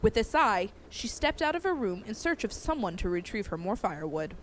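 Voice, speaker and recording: A woman storyteller narrating a horror story in a suspenseful way, growing hushed at tense moments. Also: mid-range voice, sing-song, brisk, slight background noise. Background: music.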